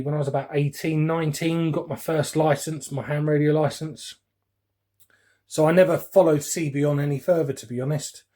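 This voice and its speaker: Speaking with a London English accent, this West London man in his forties rambles informally and reminisces as he unboxes something for his hobby vlog. His mid-range voice is warm and slightly rough.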